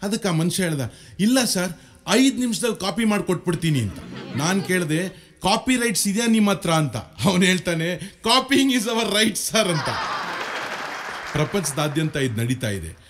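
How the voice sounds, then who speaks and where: A man telling jokes on a comedy cassette, chatty and storytelling. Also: fairly high pitch. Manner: chatty joke-telling, shifting into voices. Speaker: comedian and mimic.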